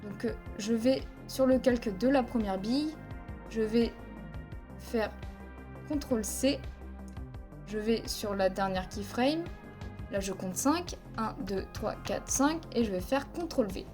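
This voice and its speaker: A woman's voice: on the high side, a little slow, pauses often, darkish tone, soft background music. A woman teaching a video editing tutorial over a headset mic, explaining each step plainly and counting frames aloud. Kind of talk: screen-recorded software tutorial.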